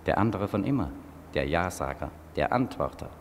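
Calm incantatory inner voice, deep, long echo, 1947 radio play. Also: male voice, normal speed, a little hiss or hum. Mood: insistent calm. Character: the Other, an insistent inner voice. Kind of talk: 1940s radio drama acting. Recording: reverberant 1947 radio drama.

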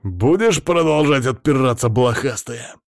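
A man voicing a furious, hysterical male hamster-like alien who yells shrilly and swears. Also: animated, measured pace, vocal fry, dry recording, studio quality. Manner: shrill, hysterical, foul-mouthed yelling.

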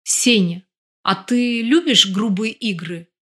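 A woman's voice: mid-range voice, takes it slowly, natural voice. A woman voicing a bold, scheming young woman who mocks and taunts in an audiobook. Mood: sly. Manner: mocking, brash.

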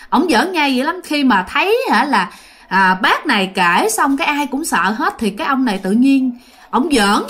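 A young woman with a Southern Vietnamese accent tells a ghost story in a casual, chatty way, talking straight to her listeners. Her voice sits a little high and moves through a wide, lively range.

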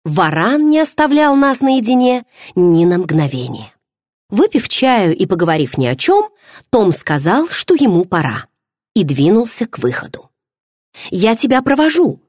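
Husky, lively woman reading a novel. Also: lowish voice, a little slow, no echo, clean studio sound. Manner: expressive first-person storytelling. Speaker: audiobook narrator. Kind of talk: scripted narration.

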